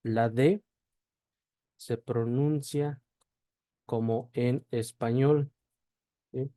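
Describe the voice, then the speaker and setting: Male teacher, unhurried, warm low tone, keeps asking "¿sí?". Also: fairly even intonation, dry recording. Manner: checks in with a constant "¿sí?" after each point; spells out sounds slowly, one at a time. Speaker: language teacher. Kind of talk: slow classroom explanation.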